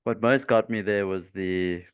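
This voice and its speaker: A male interview host speaks from a video call. His voice is low and smooth, and he searches haltingly for his words. The audio is dry and narrow, like a phone line. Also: dry recording. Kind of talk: conversational interview.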